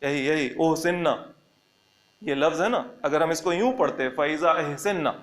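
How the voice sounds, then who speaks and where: A man with a fairly high voice gives a religious lesson, reciting a scripture line and then unpacking it with emphatic, repeated phrases. His voice rings in a noticeably echoey room. He sounds like a teacher walking listeners through a text. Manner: explains verse by verse, reciting Arabic lines then rephrasing them. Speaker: Quran teacher.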